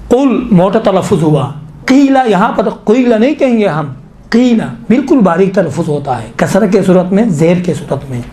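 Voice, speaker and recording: A man teaching tajweed in a lesson, explaining rules, quizzing students and slowly demonstrating recitation. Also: sits high, a little mellow.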